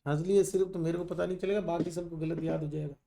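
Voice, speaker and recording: A man's voice: fairly high pitch, fairly even intonation, fast, vocal fry, warm tone, a little hiss or hum. A middle-aged male teacher lecturing a class on ayurveda, teasing and scolding students while mixing in English terms.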